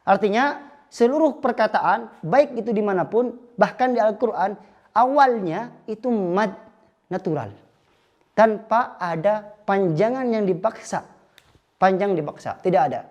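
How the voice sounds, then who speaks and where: A man's voice: sits high, expressive, a little slow, darkish tone. Male religious teacher giving a patient lesson, demonstrating with spoken examples. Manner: explains patiently, acting out short spoken examples. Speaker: Islamic teacher.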